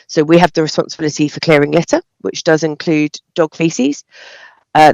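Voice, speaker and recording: A woman with a British accent and a croaky, hoarse voice, reading a formal statement as a council officer. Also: deep voice, darkish tone, no echo, poor audio. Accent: British English. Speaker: council officer responding to a question.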